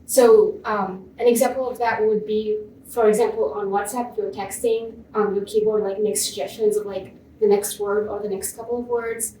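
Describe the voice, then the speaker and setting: Woman, from Tunisia, young adult, casual presenter, many fillers, mid-pitched, far mic, echoey room. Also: steady tone, moderate pace, few pauses, mellow, slight background noise. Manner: casual, many ums and likes. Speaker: MA student and teaching assistant presenter. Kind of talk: conference presentation. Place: conference room.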